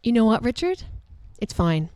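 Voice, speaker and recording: An actress playing a radio call-in host, speaking in friendly on-air patter. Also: female voice, on the high side, sing-song, moderate pace, dark tone, no room sound.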